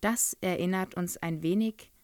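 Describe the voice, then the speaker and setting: A woman presenting a children's book and reading from it in clear, even storytelling. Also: on the low side, moderate pace, no room sound, studio quality. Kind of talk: book presentation with read-aloud excerpt.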